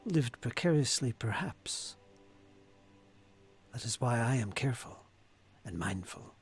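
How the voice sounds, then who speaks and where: A man voicing a wary, mystical elf druid in a tabletop game, solemn and dramatic, dropping into breathy whispers. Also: mid-range voice, expressive, unhurried, soft background music. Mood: guarded, grave.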